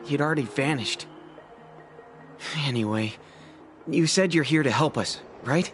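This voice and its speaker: A man's voice: mid-range voice, measured pace, fairly bright tone, lightly acted. An actor playing an anxious young male apprentice craftsman, talking in an earnest, worried way in a video game scene. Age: young adult. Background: faint game music.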